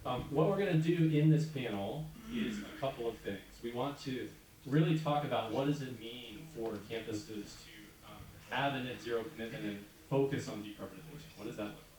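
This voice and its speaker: An American man moderates a panel in a large conference hall, keeping things relaxed, conversational, and full of informal fillers. His medium-pitched voice moves a little fast and is picked up from afar in an echoey hall with an audience.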